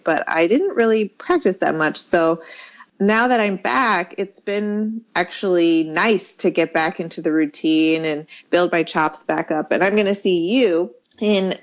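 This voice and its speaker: A woman co-hosting a podcast in casual chat, sounding sleepy and quick to laugh. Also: lowish voice, lo-fi sound. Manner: laughs readily while talking. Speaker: podcast co-host.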